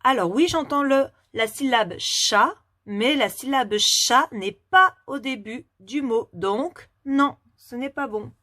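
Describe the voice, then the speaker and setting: A woman leads a phonics lesson for small children, speaking very slowly and carefully. Her voice sits slightly high, and each word is articulated with patient clarity. The sound is dry and close, with no room echo. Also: expressive, bright, forceful tone. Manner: slow, clearly articulated, patient questioning. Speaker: teacher.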